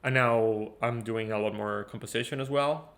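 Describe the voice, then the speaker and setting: A man's voice: on the low side, normal speed, gravelly. Young guy from ecuador, laid-back chatty guest, lots of ums and repeats. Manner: relaxed, chatty, frequent fillers and repeats. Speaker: guest musician. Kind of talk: casual interview talk.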